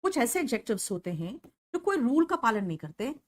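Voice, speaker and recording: A woman's voice: fairly high pitch, very animated, a little fast. A woman teacher with a Hindi accent gives an online English lesson, explaining each rule step by step and calling on students by name.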